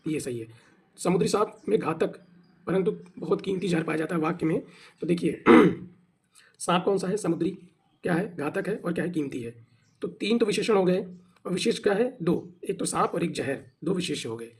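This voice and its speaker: A man's voice: high voice, expressive, moderate pace, creaky, slightly rough. A man teaching an exam practice class, asking questions and answering them himself, sometimes spelling words out letter by letter. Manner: explains by asking and answering his own questions. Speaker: Hindi teacher.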